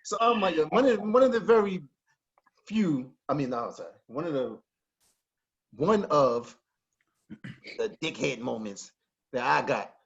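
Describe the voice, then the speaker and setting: A man telling animated, profane stories in a casual podcast chat, often breaking into laughter. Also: on the high side, measured pace, creaky, long pauses. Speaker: podcast host. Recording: muffled lo-fi audio.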